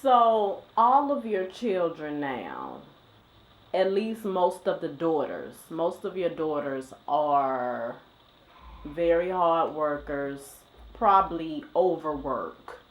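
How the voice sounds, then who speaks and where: A woman's voice: sits low, very animated, takes it slowly. A woman asking questions as the interviewer in a casual family conversation. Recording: echoey room.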